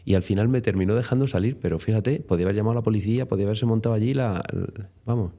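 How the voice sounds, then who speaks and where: A man's voice: on the low side, racing, dark tone. A man with a Spain Spanish accent, a guest telling travel stories in a chatty, rambling way full of tag questions. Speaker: interview guest. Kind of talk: casual storytelling interview.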